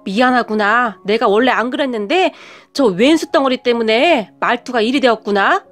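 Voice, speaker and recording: A woman voicing a blunt, sharp-tongued older mother-in-law who scolds her daughter. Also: fairly high pitch, moderate pace, faint music behind, close to an everyday voice. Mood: sheepish.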